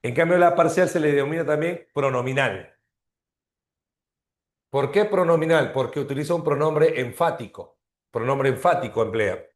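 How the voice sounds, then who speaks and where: A male teacher giving a grammar lesson, explaining slowly, repeating terms and checking in with frequent tag questions. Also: fairly high pitch, roomy sound. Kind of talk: online grammar class.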